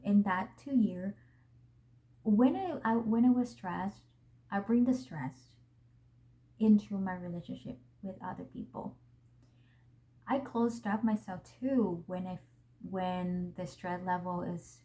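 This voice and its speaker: A young Vietnamese woman, speaking English with a Vietnamese accent, hosts a vlog and addresses the camera. Her mid-range voice sounds gentle, earnest and reflective.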